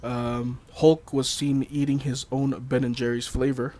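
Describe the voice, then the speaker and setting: A man's voice: mid-range voice, flat delivery, a little slow, a little mellow. A man hosting a casual chat, reading trivia notes loosely with fillers, laughs and the odd swear. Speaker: podcast host.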